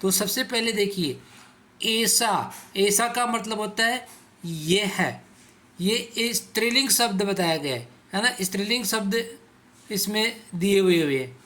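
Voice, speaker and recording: A man's voice: high-pitched, a little slow, sharp tone. A male teacher explaining word meanings to school pupils, asking questions and answering them himself, and repeating words so pupils can say them along. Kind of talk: classroom explanation for school students.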